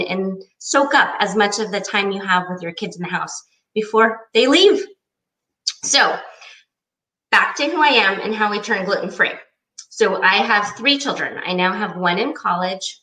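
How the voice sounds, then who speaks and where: A woman in her forties tells her own story in a lively, chatty way. Her voice is bright and forceful, and she sits some way from the mic. The room around her is echoey. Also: lowish voice, far from the mic. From United States. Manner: chatty and enthusiastic, acts out quoted voices. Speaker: cookbook author. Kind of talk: personal storytelling talk.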